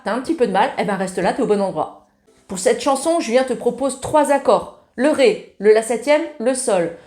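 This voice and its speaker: High-voiced woman teaching ukulele. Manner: chatty, familiar, sings the lyrics while strumming. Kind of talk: casual ukulele tutorial. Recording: loud ukulele playing along.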